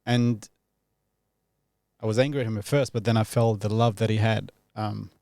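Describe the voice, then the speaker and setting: A man in his thirties from Iraq, talking as a podcast guest in a thoughtful, reflective way, pausing often and laughing easily. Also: on the low side, fairly even intonation, creaky, darkish tone, no room sound, studio quality. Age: 30s. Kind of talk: casual reflective interview talk.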